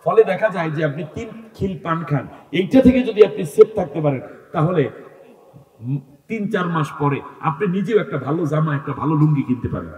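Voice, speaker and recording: A man preaches an Islamic sermon to a large gathering. He swings between loud exhortation and low asides. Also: animated, moderate pace. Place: large open-air religious gathering. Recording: echoey hall sound from far off.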